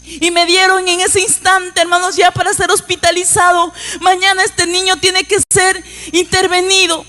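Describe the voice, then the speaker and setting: A woman's voice: very high-pitched, level tone, moderate pace, pushed and bright, faint music behind. A woman giving an emotional church testimony, tearful and pleading, often calling out to her listeners as brothers. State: crying at times.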